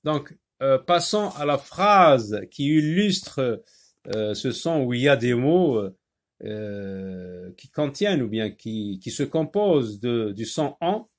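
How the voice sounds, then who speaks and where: A man teaching a phonics lesson to young children, speaking slowly and deliberately and repeating each word to stress its sounds, recorded on a phone he holds in his hand. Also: mid-range voice, big pitch swings. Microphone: handheld phone.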